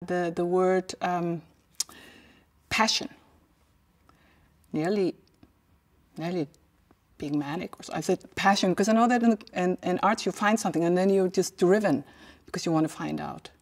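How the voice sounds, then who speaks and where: A woman's voice: fairly low pitch, normal speed, long pauses. A middle-aged woman, an artist giving a reflective documentary interview and searching for her words. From Iceland. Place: large indoor hall.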